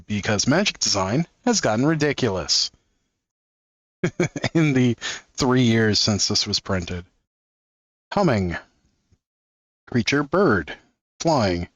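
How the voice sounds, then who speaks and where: A man hosts a card-opening video, reading each card's text aloud in a relaxed, amused way. His voice sits in a middle register. He chuckles often between lines, and the sound is dry and close. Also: medium pitch, dry recording, muffled recording. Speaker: card-opening channel host.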